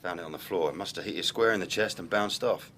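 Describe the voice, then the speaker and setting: A man speaking in a brisk, commanding way to a group. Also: sits low, a bit bright, slight background noise.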